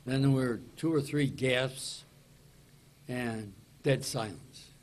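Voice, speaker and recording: A man in his eighties telling a rambling, folksy grandpa story in plain words, with a creaky, husky elderly voice. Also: mid-range voice, slow, darkish tone. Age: 80s. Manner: plain-spoken, folksy, meandering step-by-step telling. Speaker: survivor telling his story at a news conference.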